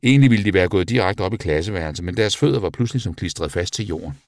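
A man with a low, deep voice reads a children's story in a calm, even manner. The recording is dry and close, with no room sound. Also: no room sound. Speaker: audiobook narrator. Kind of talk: scripted narration.

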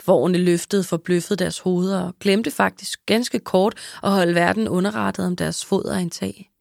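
A woman narrating a children's story in a lively, expressive way. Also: on the low side, vocal fry, no room sound, clean studio sound. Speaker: audiobook narrator. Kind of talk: scripted narration.

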